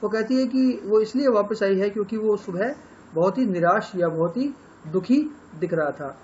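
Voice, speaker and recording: A high-voiced man with an Indian accent talks students through a novel's plot in a patient, explanatory lecture. He switches between Hindi and English and stops on fillers as he thinks. The sound is dull and lo-fi, with faint noise behind. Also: normal speed, a little mellow. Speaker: English literature teacher.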